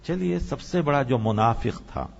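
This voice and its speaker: Impassioned male preacher, lively rising pitch. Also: vocal fry, highs cut off. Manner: impassioned, rising to emphatic peaks then dropping low. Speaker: Islamic preacher. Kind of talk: sermon.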